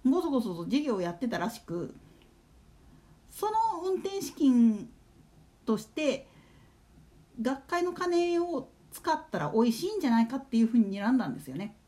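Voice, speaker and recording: A woman's voice: a little high, sing-song, moderate pace, long pauses, warm tone. A woman hosting a casual solo talk show, chatting and putting rhetorical questions to her listeners. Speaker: solo radio talk host.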